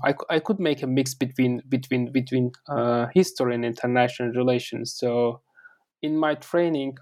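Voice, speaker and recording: A Turkish man, a native speaker with a Turkish accent, is interviewed as an author and academic, answering conversationally but haltingly and repeating words as he searches for phrasing. His voice is mid-range and a little mellow.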